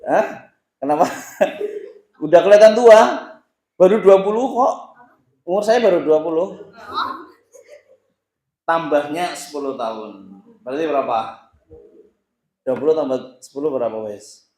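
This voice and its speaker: A man's voice: on the high side, measured pace, pauses often, mellow. A man in his thirties, an Islamic boarding school teacher giving informal advice to students, teasing them with questions and tagging his sentences with "ya". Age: 30s. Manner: playful, teasing the audience with questions; frequent "ya" tags and hesitations. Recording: roomy echo.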